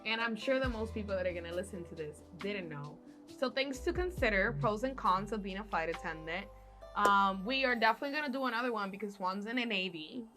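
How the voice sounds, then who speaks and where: A woman's voice: mid-range voice, expressive, fairly quick, pushed and bright, soft background music. A young woman hosting a casual podcast chat, giggly and full of questions. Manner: giggly, chatty, asks lots of questions. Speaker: podcast host.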